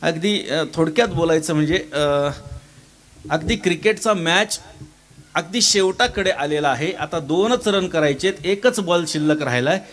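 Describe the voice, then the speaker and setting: A middle-aged preacher with a Marathi accent tells a moral story from the stage. He takes on each character's lines himself and leaps up into a high, excited pitch for them. His speaking voice sits a little above the usual male range, and he clears his throat from time to time. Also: a little slow. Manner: acts out dialogue with sudden pitch jumps, frequent throat clearing. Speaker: kirtan preacher. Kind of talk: kirtan storytelling sermon.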